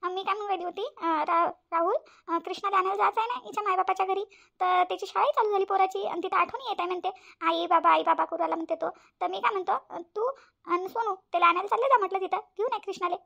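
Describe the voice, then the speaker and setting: A woman's voice: very high voice, steady tone, fast talker, creaky, sharp tone, muffled recording, full character voice. A woman voicing a sly, scheming older mother-in-law in a cartoon, with a Vidarbha Marathi accent and a gossipy, plaintive manner. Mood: coaxing. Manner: gossipy, plaintive, then gloating. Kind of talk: cartoon voice acting.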